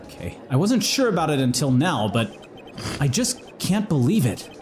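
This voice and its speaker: A man's voice: fairly high pitch, very animated, moderate pace, darkish tone, soft background music. A man hosting a playful let's-play, joking and reading game dialogue aloud. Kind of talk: playful game commentary and voicing.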